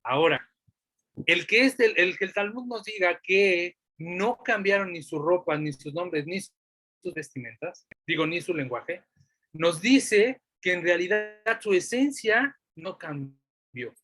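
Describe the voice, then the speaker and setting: High-voiced teacher with a Mexico City accent. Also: male voice, animated, slow, a bit bright, dry recording. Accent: Mexico City Spanish. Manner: explains with rhetorical questions and "¿no?". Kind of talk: online class lecture.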